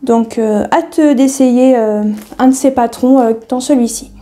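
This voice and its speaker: Female vlogger, very warm and dark tone, chatty and meandering, laughs at herself. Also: high-pitched, fairly even intonation, a little slow. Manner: rambling and chatty, many hesitations; self-deprecating, easily laughing. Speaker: sewing vlogger. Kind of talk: casual haul video chat.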